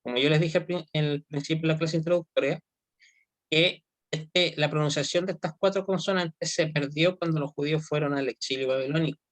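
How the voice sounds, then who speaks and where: A man's voice: on the high side, steady tone. Patient man teaching a Hebrew class. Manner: explains slowly, often checks with "¿ya?". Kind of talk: online class lecture.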